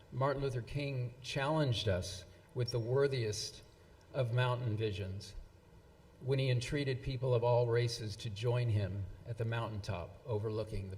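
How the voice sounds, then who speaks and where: Halting man presenting in a reverberant hall. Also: medium pitch, darkish tone. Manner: halting, many fillers and restarts. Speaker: event presenter. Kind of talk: speech reading quotations. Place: event hall.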